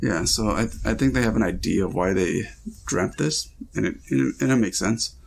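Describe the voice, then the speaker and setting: A man co-hosting a podcast, chatting casually about dreams with a relaxed, filler-heavy way of talking. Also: on the low side, brisk, vocal fry. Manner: relaxed, talks with frequent fillers. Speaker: podcast co-host reading and interpreting dreams.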